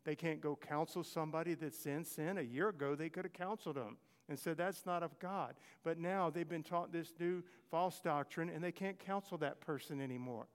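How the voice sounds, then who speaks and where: A man's voice: fairly high pitch, brisk, hardly any pauses, long reverb tail. A man, preaching a conversational sermon as pastor, repeating phrases for emphasis. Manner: earnest, repetitive, conversational preaching. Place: church sanctuary.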